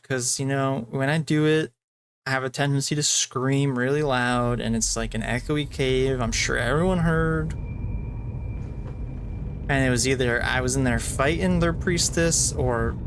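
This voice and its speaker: A man's voice: medium pitch, fairly bright tone. A man hosting a gaming video with casual commentary and wry, joking asides. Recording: game music behind.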